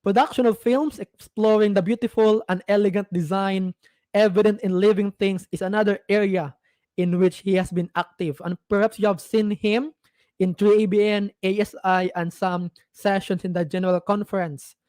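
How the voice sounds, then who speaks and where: A man hosting a church evening, formally and deliberately introducing the guest speaker. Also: high-pitched, fairly even intonation, a little mellow, no echo.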